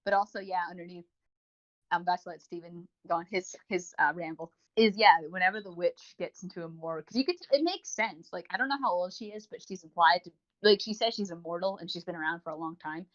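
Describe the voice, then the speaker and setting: On a dull lo-fi recording, a podcast co-host talks fairly quickly in a fairly low voice that's a bit bright. Her review rambles along with plenty of enthusiasm and a casual, chatty feel.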